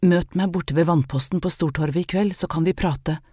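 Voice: mid-range voice, warm tone, slightly rough, dry recording, studio quality, close to an everyday voice. A narrator voicing an anxious young woman who urgently pleads with a visitor to leave. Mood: pleading.

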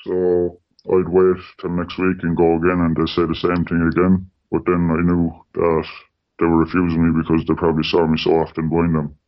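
A man appears as an anonymous radio interview guest, his voice made deep by a distortion filter. He talks in a completely flat, plain, matter-of-fact way at a moderate pace, often saying "like" and "you know." The recording sounds dull and lo-fi.

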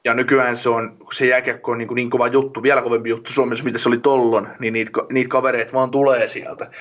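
A man's voice: mid-range voice, flat delivery, fairly bright tone, highs cut off. A man talking hockey in a casual podcast chat, rambling with many restarts and fillers.

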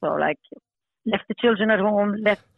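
A woman in her fifties talks casually and emphatically in a Munster Irish accent. Her voice has plenty of fry in it. It comes through a narrow, tinny phone-style connection with very little room around it. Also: mid-range voice, moderate pace, dry recording. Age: 50s. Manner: chatty, emphatic repetition. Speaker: podcast guest, Masters hockey player. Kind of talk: casual interview.

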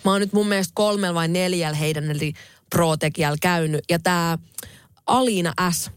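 A young woman from Finland co-hosting a podcast, chatting quickly and lively with casual fillers. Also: fairly low pitch, clean tone, dry recording. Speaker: podcast co-host. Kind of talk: casual chat.

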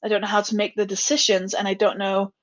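A woman's voice: mid-range voice, completely flat delivery, fast, rough recording. Candid Danish-accented woman comedian. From Denmark. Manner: candid, self-deprecating, laughs often, many restarts. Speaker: comedian guest. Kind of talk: conversational interview.

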